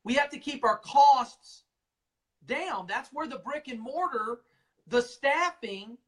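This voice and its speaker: A man's voice: very high voice, animated, slow pace, a bit bright. A man hosting a livestream interview, asking questions in a casual, conversational way. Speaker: host interviewer.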